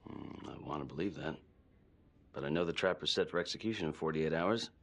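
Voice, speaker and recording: An actor playing a measured, reassuring male police chief talking to his detective in a video game cutscene. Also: very deep voice, gravelly, heavily acted. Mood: steady. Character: stern but supportive male police chief. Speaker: police superior.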